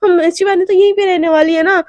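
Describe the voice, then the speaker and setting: Woman doing a playful whiny bride, high mellow voice, teasing her mom. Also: fairly even intonation, brisk, dry recording. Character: cheeky joking young woman bride.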